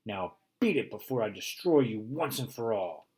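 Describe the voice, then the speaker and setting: A man voicing a brave, bossy small pet dog who shouts loud threats to defend his park in a storybook. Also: on the low side, animated, moderate pace, natural voice. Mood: threatening.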